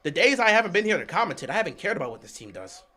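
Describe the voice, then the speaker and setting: A man ranting on a live fan stream, sliding from quiet grumbling into shouting. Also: high-pitched, big pitch swings, racing. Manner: frustrated ranting, swings from quiet muttering to shouting. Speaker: fan streamer commentating a game.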